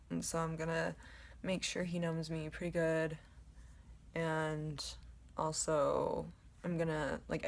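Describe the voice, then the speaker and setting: A young woman vlogging casually at home to a camera, with a low voice and a rambling, chatty way of talking full of ums. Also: a little mellow. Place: at home, indoors in her apartment. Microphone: camera in front of her.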